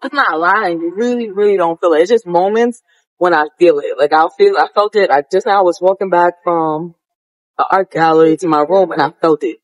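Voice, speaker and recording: Lying outdoors on a breezy cruise ship deck, a young travel vlogger talks to her phone at arm's length, speaking a little fast in a lowish voice. Her casual chat to camera is relaxed, chatty and full of slang, captured in a dry, low-quality recording.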